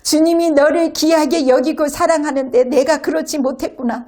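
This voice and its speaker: A woman's voice: fairly even intonation, normal speed, darkish tone, natural voice. A woman preacher voicing a middle-aged mother who scolds and then apologizes to her son, exaggerating her voice while quoting her in a sermon. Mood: remorseful. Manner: shrill and exaggerated in the scolding quotes. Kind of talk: acted quotes inside a sermon.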